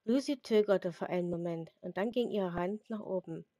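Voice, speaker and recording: A woman reads a story aloud in a mellow, dark voice, plainly and without much acting. The sound is close and dry, and she trips over a word now and then and restarts. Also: lowish voice, normal speed, no room sound. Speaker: storyteller reading her own fan fiction. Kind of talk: read-aloud story narration.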